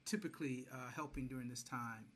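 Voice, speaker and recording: A man hosting a casual interview, encouraging his guest with quick responses and drawing him out with questions. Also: medium pitch, fairly bright tone. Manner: encouraging, frequent short backchannels and laughs. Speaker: interview host.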